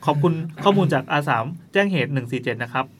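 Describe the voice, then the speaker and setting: A man's voice: mid-range voice, animated, a little hiss or hum. A man co-hosting a casual podcast, reading odd news stories aloud with playful, dramatic emphasis. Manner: quick, playful, reads headlines with exaggerated drama. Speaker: podcast co-host.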